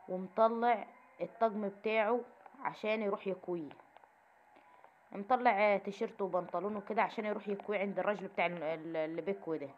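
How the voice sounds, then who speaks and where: A woman with an Egyptian accent, casually telling her viewers a story and often addressing them fondly while asking who is right. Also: mid-range voice. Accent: Egyptian Arabic. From Egypt, Sharqia. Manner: chatty, keeps calling viewers "my dears", asks them who is wrong. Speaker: vlogger. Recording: slightly dull audio with faint background noise.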